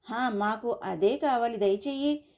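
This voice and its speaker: A woman voicing a sharp-tongued young woman, snapping in a scolding, sarcastic way in a storybook reading. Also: fairly high pitch, takes it slowly.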